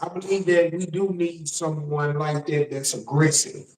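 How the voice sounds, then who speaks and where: A man hosting a live political news stream as a shock jock, talking casually to viewers in a halting way and repeating words. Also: a little high, steady tone, a little hiss or hum. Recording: roomy echo, distant microphone.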